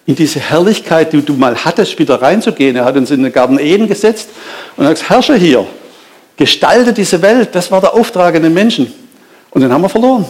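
Lively, emphatic German preacher man. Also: a little high, brisk. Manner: lively, emphatic preaching with restarts and rhetorical questions; addresses listeners directly. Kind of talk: sermon.

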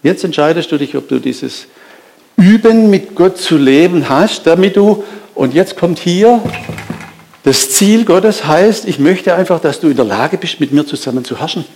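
A man preaching a sermon, lively and emphatic, asking rhetorical questions and speaking directly to his listeners. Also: a little high, moderate pace.

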